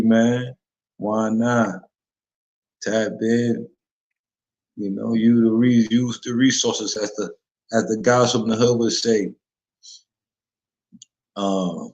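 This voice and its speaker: A man's voice: on the low side, a little mellow. A man hosting a casual solo sports betting talk show, rambling in slang and often correcting himself. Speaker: sports betting podcast host. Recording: dull lo-fi recording.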